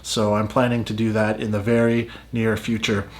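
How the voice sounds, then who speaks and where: A man's voice: fairly low pitch, monotone, normal speed. A man hosting his own channel, chatting in an upbeat, enthusiastic way with plenty of fillers. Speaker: drummer and channel host. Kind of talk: casual vlog chat. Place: outdoors in cold weather at a farm shop; his home studio.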